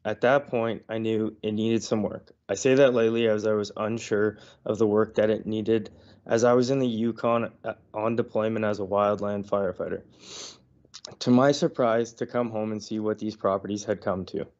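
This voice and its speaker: An earnest man reads a prepared statement to a council committee while under the weather. His voice sits on the low side, and the remote line makes it sound dull and lo-fi. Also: fairly even intonation, moderate pace, darkish tone. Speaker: property owner presenting to council. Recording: dull lo-fi online audio.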